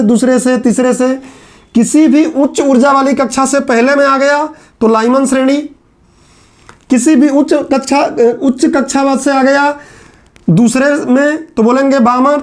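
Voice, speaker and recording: A man teaching a chemistry class in a casual, conversational way, repeating phrases to drive points home. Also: very high-pitched. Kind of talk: classroom lecture.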